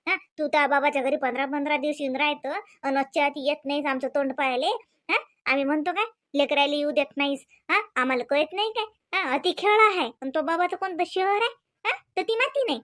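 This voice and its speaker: A woman's voice: extremely high pitch, a bit bright, dry recording, studio quality. A woman voicing a nagging middle-aged mother-in-law in a cartoon, with a Varhadi Marathi accent and a habit of tagging on questions. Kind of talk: cartoon voice acting.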